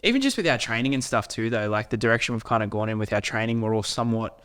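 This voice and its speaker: A man's voice: fairly low pitch, lively intonation, quick pace, fairly bright tone, smooth. Upbeat Australian man on a podcast. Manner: upbeat, laughs easily, uses mate and eh. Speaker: podcast co-host. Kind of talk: casual chat.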